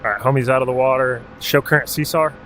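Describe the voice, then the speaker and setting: Male streamer from Alaska, average pitch, easygoing chat with terse command callouts and casual swearing. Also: fairly even intonation, fast, fairly bright tone, slight background noise, poor audio. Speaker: game streamer. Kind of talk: casual live-stream chat while playing.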